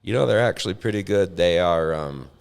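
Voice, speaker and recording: A man telling stories with dry, deadpan humor in a casual podcast chat. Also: sits low, a little fast, vocal fry, clean tone, in a large hall. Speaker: podcast host.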